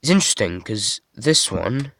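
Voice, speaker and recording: A young man casually showing off a toy model he built, talking in a monotone with many fillers and restarts. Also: on the low side, normal speed, creaky, no echo, clean studio sound. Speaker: hobby builder showing a model. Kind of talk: casual show-and-tell.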